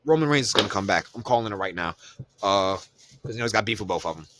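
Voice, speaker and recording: A man co-hosts a podcast in relaxed, profane casual chat, recapping the week's wrestling. His voice sits very low, and he talks loosely, with plenty of ums and "you know"s. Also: fast talker, noisy background. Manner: loose and profane, lots of fillers. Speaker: podcast co-host.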